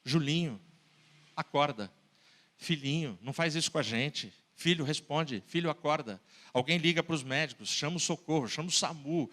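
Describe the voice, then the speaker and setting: A man preaching a sermon and voicing a stern father who scolds and shouts at his family. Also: on the high side, moderate pace, close to an everyday voice. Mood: pleading. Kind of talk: sermon storytelling.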